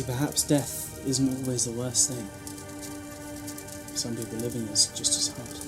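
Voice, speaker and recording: An actor plays a reflective male time traveller in an audio drama, speaking in a measured, theatrical way. The voice is medium in pitch, with music clearly playing behind. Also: lightly acted. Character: the Doctor, philosophical alien time traveller, reflective.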